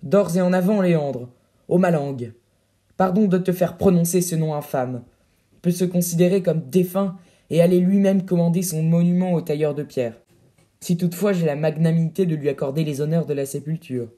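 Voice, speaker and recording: A swaggering captain full of pompous bluster, voiced by a man reading an audiobook. The voice sits high yet sounds dark and mellow. He boasts in grand, puffed-up phrases. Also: moderate pace, natural voice. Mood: furious ranting.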